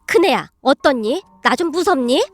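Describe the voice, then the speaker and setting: A woman's voice: sits high, expressive, normal speed, dry recording, faint music behind. A woman voicing a timid middle-aged mother-in-law who earnestly practices sounding fierce. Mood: eager. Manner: eager, earnest, practiced shouting.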